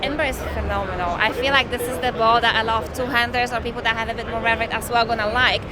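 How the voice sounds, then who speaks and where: A woman's voice: a little high, fairly even intonation, fast. A woman chatting casually in an interview at a convention hall, explaining sports gear as a professional player. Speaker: professional bowler giving product opinions. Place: busy convention hall booth. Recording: loud music and crowd, convention hall. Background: loud music and crowd.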